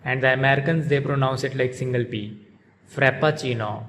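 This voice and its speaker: A man hosting a pronunciation lesson, repeating words slowly and deliberately. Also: mid-range voice, level tone, fairly bright tone, slight background noise. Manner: slow, deliberate repetition of words. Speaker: pronunciation channel host.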